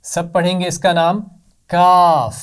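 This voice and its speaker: A man teaching children to read, speaking slowly and patiently and repeating letter sounds for them to echo. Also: a little high, animated, a little mellow. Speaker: Quran reading teacher for children. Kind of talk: children's lesson.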